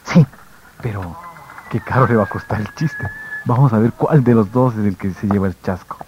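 A man's voice: on the low side, normal speed. An actor playing a mischievous young male student prankster, teasing and irreverent, heard as an old radio show broadcast. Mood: scheming. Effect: old radio show broadcast sound. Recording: muffled old radio recording with faint hiss.

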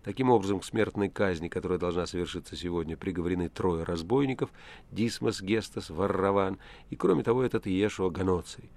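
A man narrating a novel as an audiobook in a measured, even reading. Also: low voice, vocal fry. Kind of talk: scripted literary narration.

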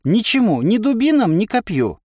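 Man voicing a chatty ironic inner voice, higher and bouncy, dry close sound. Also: big pitch swings, normal speed, darkish tone, no echo. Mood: wry. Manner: talkative, ironic, reasoning. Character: chatty bodiless male inner voice, wry.

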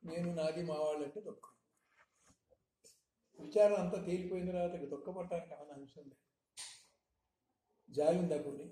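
Echoey spiritual teacher, mellow man. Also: on the high side, steady tone. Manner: rhetorical questions, measured emphatic teaching. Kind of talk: satsang discourse. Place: hall in Hyderabad. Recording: echoey room, faint noise.

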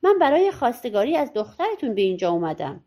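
A woman's voice: fairly high pitch, big pitch swings, dark tone. A woman voicing a poor, bold old mother in a storybook audiobook, pleading earnestly and persuasively.

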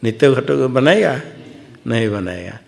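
A man's voice: medium pitch, lively intonation, unhurried, creaky. A man giving a scripture lecture as a teacher, posing questions and answering them himself, repeating words for emphasis. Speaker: Vedanta teacher.

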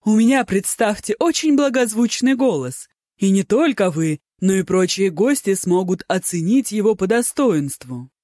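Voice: mid-range voice, expressive, moderate pace, mellow, no room sound, studio quality, voice pushed up, close to an everyday voice. A narrator voicing a flamboyant, tipsy male poet who is effusive and theatrically pleased with himself. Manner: effusive, theatrical, self-satisfied.

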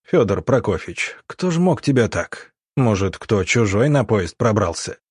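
A man voicing a quiet, courteous male officer who speaks politely. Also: fairly low pitch, very animated, moderate pace, slightly rough, no room sound, studio quality.

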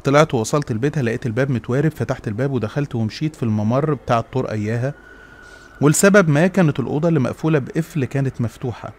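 A man's voice: medium pitch, rapid-fire, a little mellow. A man with an Egyptian accent narrating a first-person horror story in a dramatic, confessional way.

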